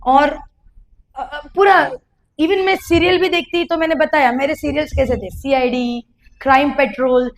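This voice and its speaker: Woman preacher, high voice, candid confessional testimony, talks straight to the congregation. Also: low-quality recording. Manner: candid, confessional, addresses the audience directly. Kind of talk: testimony sermon.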